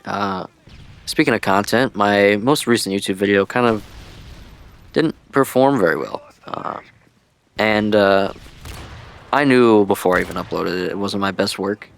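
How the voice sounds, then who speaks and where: Speaking a little slowly with vocal fry and long pauses, a lowish-voiced man meanders through laid-back gaming vlog talk. He's a video creator and streamer, recorded on a headset-style mic that sounds deliberately old-school.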